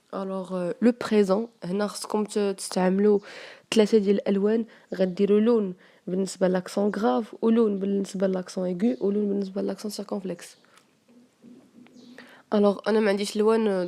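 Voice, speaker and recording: A woman teacher with a Moroccan accent, going through French spelling exercises and dictating words slowly. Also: medium pitch, warm tone.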